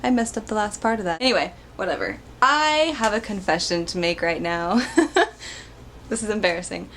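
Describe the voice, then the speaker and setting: A woman's voice: medium pitch, lively intonation, moderate pace, a bit bright. Young woman, twenties, bubbly and giggly, casual Q&A vlog, close camera mic, faint hiss. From Arizona, United States. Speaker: vlogger. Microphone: camera mic at close range.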